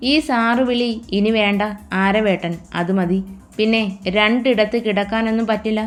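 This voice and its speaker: A woman reading the part of a gentle but insistent young husband in a romance story. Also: medium pitch, steady tone, moderate pace, faint music behind, natural voice. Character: young man, gentle, quietly possessive husband.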